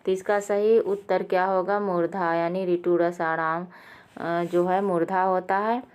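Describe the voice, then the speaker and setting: A woman teaching Sanskrit exam questions, going through each answer, often calling out to her viewers and correcting herself with a quick apology. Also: fairly low pitch, little pitch movement, a little mellow, clean tone. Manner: addresses viewers as friends, with fillers and self-corrections. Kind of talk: quiz lesson explaining answers.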